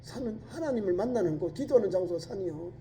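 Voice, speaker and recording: Male preacher, middle-aged, mellow dark voice, dramatic delivery, loud bursts and hushed asides. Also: animated, fast, slight background noise. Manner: dramatic, swings between loud exclamations and soft low asides, acts out quoted speech. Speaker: pastor. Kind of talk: sermon. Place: church sanctuary.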